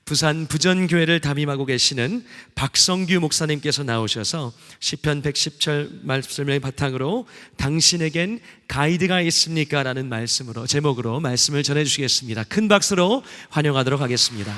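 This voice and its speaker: A man leading a church service, reading scripture and introducing the preacher in a measured, formal way. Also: fairly high pitch, fairly bright tone. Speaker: worship leader. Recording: echoey church sanctuary.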